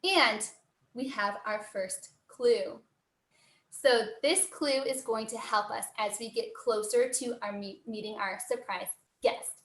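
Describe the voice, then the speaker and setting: This cheerful American zookeeper leads a live online class for kids via video call, speaking from an indoor room with a roomy echo. She talks slowly in a high, slightly bright voice, keeping things upbeat and encouraging.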